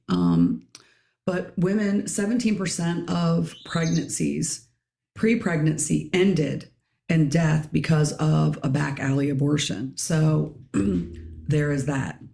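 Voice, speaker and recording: A middle-aged woman hosting a casual podcast discussion, her raspy voice hoarse as she keeps clearing her throat. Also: low voice, warm tone, reverberant. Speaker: podcast host.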